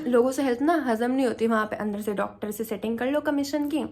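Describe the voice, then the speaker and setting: A woman's voice: fairly high pitch, fairly quick. A young woman from India telling a story in a casual vlog, fiery and mixing English phrases into her talk. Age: young adult. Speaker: vlogger.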